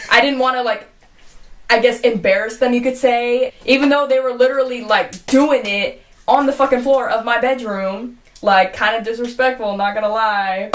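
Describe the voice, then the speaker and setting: A young woman with a fairly high voice tells a personal story in a loose, rambling way. She fills her sentences with "like" and swears freely. When she quotes what she said to herself, she drops into a quieter, hushed voice. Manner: rambling, heavy use of "like", frequent swearing; quoting her own past reactions in a hushed voice. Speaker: vlogger. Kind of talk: casual storytime.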